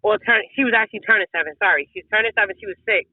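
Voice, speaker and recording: A woman's voice: medium pitch, very fast, dry recording. Woman telling her story, cussing a lot, slangy and blunt, sounds like a phone line. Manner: blunt, profane, street-slang delivery. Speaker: podcast guest. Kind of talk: emotional personal storytelling. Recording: tinny phone-like audio, dry.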